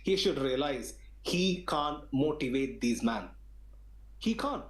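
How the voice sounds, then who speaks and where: A man's voice: mid-range voice, animated, slow pace, echoey room, rough recording. A man on a football fan podcast, ranting in an emphatic, slangy way. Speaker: podcast panelist. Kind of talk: heated football podcast talk.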